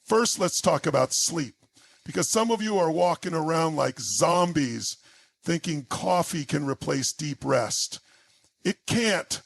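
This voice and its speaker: A man's voice: a little high, animated, a little slow, vocal fry. A man giving an intense motivational speech in short, emphatic, punchy phrases. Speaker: motivational speaker.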